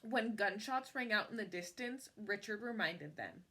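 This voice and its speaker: This is a woman in the mid-range, expressively reading a picture book as a story. She keeps her phrasing measured and lands firmly on the key words.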